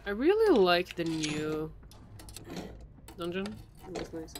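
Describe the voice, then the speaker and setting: A woman's voice: lowish voice, sing-song. A woman streaming a game in casual chat, sniffling and sounding stuffy and sick, rambling and laughing easily. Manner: chatty, rambling, quick to laugh. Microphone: desk mic. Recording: noisy home stream audio.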